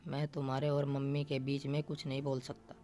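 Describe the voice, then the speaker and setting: Evasive young husband, as a narrator reads him. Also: male voice, mid-range voice, monotone, fairly quick, mellow, close to an everyday voice. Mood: dismissive. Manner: dismissive.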